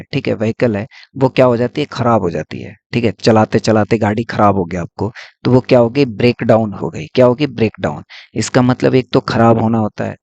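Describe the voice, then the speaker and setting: A man teaching English vocabulary in a casual lesson, explaining slowly and asking then answering his own questions. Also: medium pitch, creaky, darkish tone, highs cut off.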